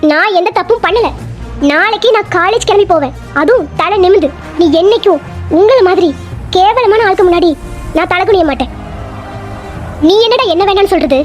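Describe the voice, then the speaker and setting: A woman's voice: very high voice, animated, fairly quick, pauses often, lo-fi sound, faint music behind. A woman voicing a wronged young college woman, emotional and defiant, in a cartoon. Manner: pleading then defiant, emotional.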